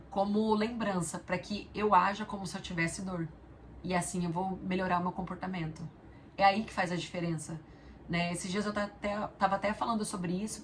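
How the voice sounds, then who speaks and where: A woman's voice: on the low side, a bit bright, slight background noise. A woman and mother hosting a reflective spiritual talk, telling stories earnestly and speaking straight to the viewer. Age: adult mother of a young daughter. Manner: earnest, storytelling, addresses viewer directly. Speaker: spiritual video host.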